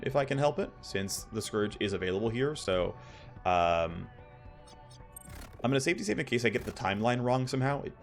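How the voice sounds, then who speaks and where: A man's voice: fairly low pitch, vocal fry. A man giving offhand playthrough commentary on a video game, thinking aloud as he goes. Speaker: gaming video host.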